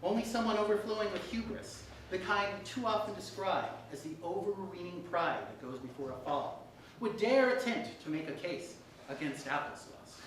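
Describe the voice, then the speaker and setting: In a live room full of listeners, a storyteller reads scripted comic fairytales with theatrical delivery, breaking off often to laugh or add asides. The voice sits at medium pitch, fairly bright, at normal speed, with echo, distant miking and background noise.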